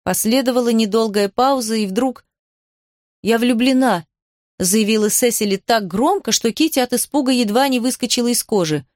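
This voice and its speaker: A woman reading a novel aloud in an even, measured narration. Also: on the high side, no room sound, studio quality. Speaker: audiobook narrator.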